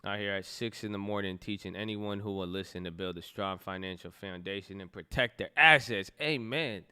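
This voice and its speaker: A man giving excited, slangy live-stream commentary on the stock market, swearing as he goes. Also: fairly low pitch, moderate pace, clear, resonant tone.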